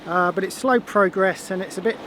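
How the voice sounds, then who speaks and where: A man's voice: high voice, a little fast. A man giving a casual, explanatory sailing vlog in an understated way. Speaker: sailing vlogger. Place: aboard a sailing boat at sea. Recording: noisy boat with engine and water.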